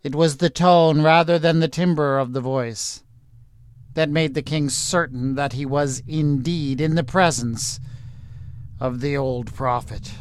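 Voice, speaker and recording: A man narrating a story in a calm, deliberate way, with the odd small stumble. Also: a little high, slight background noise.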